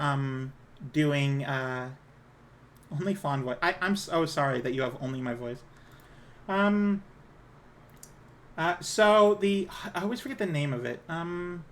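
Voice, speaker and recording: On a livestream, a woman streamer chats casually in a low-set, feminine voice that's a bit bright. She comes across as hesitant, apologetic and self-conscious.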